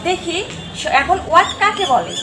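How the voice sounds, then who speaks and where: High, lively woman teaching. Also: normal speed, background noise. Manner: methodical, defines then gives examples. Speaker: online English grammar teacher. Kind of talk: structured lesson explanation.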